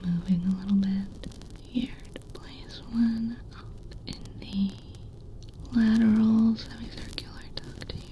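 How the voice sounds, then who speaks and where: A woman softly whispering an ear cleaning ASMR whispered role-play as a gentle, reassuring ear clinician. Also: a little high, steady tone, a little slow, highs cut off.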